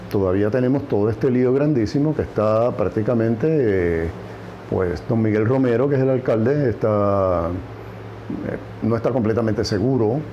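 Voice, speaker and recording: Man, Puerto Rican accent, political commentary, emphatic, warm dark tone. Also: lowish voice, highs cut off, a little hiss or hum. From Puerto Rico. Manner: emphatic, repeats key words for stress. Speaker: news commentary host.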